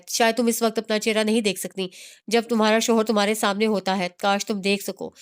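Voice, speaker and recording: A woman's voice: medium pitch, clear, resonant tone, close to an everyday voice. A woman reading the part of a persuasive young woman who coaxes her friend to leave her husband. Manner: coaxing, insistent.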